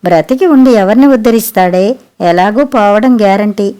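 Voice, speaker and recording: A woman's voice: mid-range voice, normal speed, warm tone, lightly acted. Woman voicing a shrewish cursing mother. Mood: scornful. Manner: harsh scolding. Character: shrewish middle-aged mother, loud and cursing.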